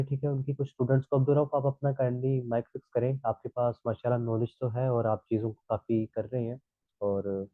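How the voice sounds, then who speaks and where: A man from Pakistan teaches a live online class despite a sore throat, explaining the material and checking in with his students by repeatedly asking "thik hai." His medium-pitched voice comes over a tinny, phone-like line with no room sound.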